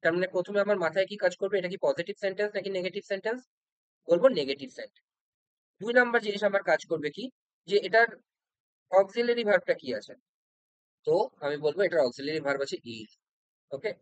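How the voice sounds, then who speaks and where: A man with a fairly high voice explains grammar rules for an exam, going step by step and repeating each point. He checks in constantly and keeps the pace unhurried. The sound is close and dry, with no room echo. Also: animated. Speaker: English grammar teacher. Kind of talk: exam-prep grammar lesson.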